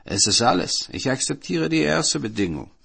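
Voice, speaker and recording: A man's voice: mid-range voice, sing-song, normal speed, creaky, a bit bright, breathy edge, voice pushed up, heavily acted. A man voicing a stingy old male miser in a folk tale, whining and wailing, in a raised voice. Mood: smug. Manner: whiny, wailing.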